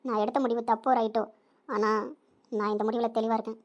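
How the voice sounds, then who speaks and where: A woman's voice: on the high side, level tone, quick pace, a little mellow, dull audio, natural voice. A woman voicing a resolute heartbroken village wife. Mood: sorrowful. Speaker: educated young wife.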